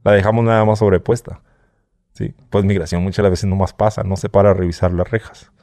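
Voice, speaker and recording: A man's voice: fairly low pitch, fairly even intonation, fast talker, dark tone, no room sound, studio quality. A Mexican man, an interview guest, tells his stories candidly in a casual chat and keeps checking with the listener. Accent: Mexican Spanish. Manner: candid storytelling, often asks "¿sí?" and "¿no?". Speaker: interview guest, former smuggler.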